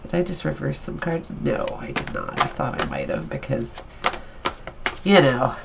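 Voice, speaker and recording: A woman's voice: very deep voice, huge pitch swings, normal speed, gravelly, noisy background. Stuffy-nosed woman giving a cheerful tarot reading. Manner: upbeat, encouraging, chatty. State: stuffy and nasal from allergies. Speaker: tarot reader. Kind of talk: casual weekly tarot reading.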